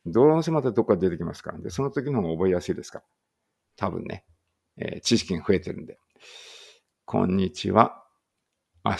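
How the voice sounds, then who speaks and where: A man's voice: low voice, gravelly, a little mellow, slightly rough. A man reading a study text aloud in a casual study-along and thinking aloud in muttered asides. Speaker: language teacher reading aloud.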